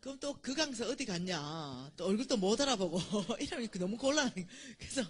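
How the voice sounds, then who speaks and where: A woman's voice: medium pitch, animated, brisk, breathy edge. A woman, giving a church lecture in a chatty, storytelling way and laughing at her own jokes. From Gyeongsang Province, South Korea. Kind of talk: church lecture with humorous anecdotes.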